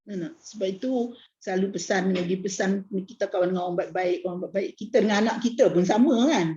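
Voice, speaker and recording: In a prayer hall class, a woman religious teacher gives a casual hadith lecture, chatting, joking, laughing, and repeating "nak, nak" as a filler. Her voice is medium-pitched and dark in tone, and she talks fast. The recording is dull and lo-fi.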